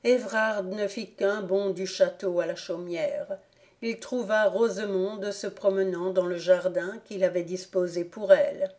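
A woman narrating a classic novel as an audiobook, calm and measured. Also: medium pitch.

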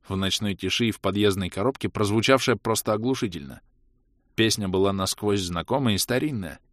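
A man reading a story aloud in first person, with wry, lively delivery. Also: on the low side, no room sound, clean studio sound. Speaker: audiobook narrator. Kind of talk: first-person scripted narration.

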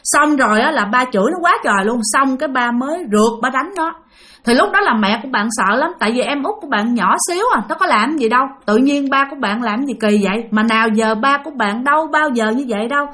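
Woman storyteller, highish voice, chatty, talks straight to listeners. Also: sharp tone. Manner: chatty, addresses listeners directly, repeats for emphasis. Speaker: storyteller of listener-sent ghost stories. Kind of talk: casual spoken storytelling.

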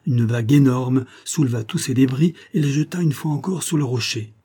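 A man reading a classic novel aloud as scripted narration in a steady, dramatic manner. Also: medium pitch, brisk, husky. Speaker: audiobook reader.

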